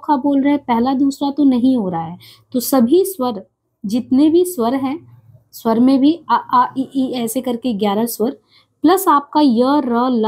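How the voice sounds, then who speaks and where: A woman teaching an exam-prep grammar lesson, explaining step by step and repeating each sound and letter slowly. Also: high voice, a little mellow, husky.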